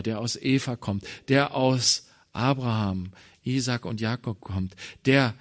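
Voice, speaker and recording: A man preaching a sermon, animated, swinging from soft asides to loud emphatic lines and talking straight to his listeners. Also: mid-range voice. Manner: addresses listeners directly with "wisst ihr".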